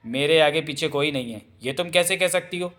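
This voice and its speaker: A man's voice: on the high side, fairly quick, a bit bright, close to an everyday voice. A male narrator voicing a flustered, suspicious bachelor friend who asks puzzled, nervous questions in a storybook reading. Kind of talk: audiobook character voice.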